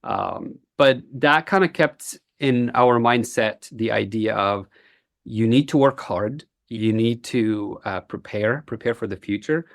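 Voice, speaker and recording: A man's voice: on the low side, a little slow, creaky, dry recording, clean studio sound. A man from Egypt, a guest in a podcast interview, speaking earnestly and reflectively with frequent "uh" fillers. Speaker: guest, entrepreneur.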